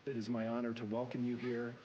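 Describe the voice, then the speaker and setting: A man giving a formal welcome address as a university leader, speaking in a warm, encouraging manner. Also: medium pitch, completely flat delivery, quick pace, dull audio, noisy background. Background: music.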